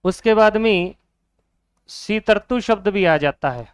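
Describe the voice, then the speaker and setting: A man's voice: high voice, takes it slowly, smooth, no room sound, studio quality. A man teaching a Hindi grammar lesson for exam students, asking questions and answering them himself, repeating each key word.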